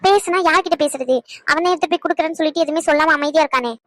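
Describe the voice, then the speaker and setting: A woman's voice: high-pitched, racing, fairly bright tone, no room sound. A woman voicing a young wife in a cartoon who is emotional, clingy and pleading. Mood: anxious. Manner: emotional, pleading, self-questioning. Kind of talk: animated cartoon voice acting.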